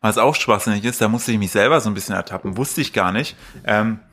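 A man's voice: fairly low pitch, quick pace, a bit bright. A man co-hosting a casual podcast with his wife, telling stories in a rambling way and reading out news with jokes. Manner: rambling storyteller, reads news aloud with jokes. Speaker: podcast co-host. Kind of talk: casual chat.

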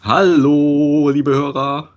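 A man's voice: fairly high pitch, flat delivery, slow pace, dull audio. A man in his late twenties who hosts a casual podcast chat and puts questions to his co-hosts. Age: 20s. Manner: moderating, asks the others questions. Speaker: podcast host.

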